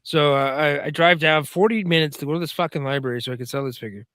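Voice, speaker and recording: Man, podcast host, profane, animated, bright tone, dry sound. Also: a little high, quick pace, no echo. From Canada. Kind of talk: casual chat.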